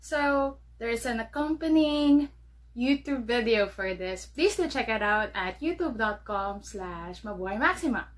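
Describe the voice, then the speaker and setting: A woman's voice: on the high side, lively intonation, measured pace. A young woman hosting a casual podcast from her bedroom, bubbly and giggly as she chats. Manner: bubbly, giggly, talks baby talk to her dog. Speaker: podcast host. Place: bedroom at home.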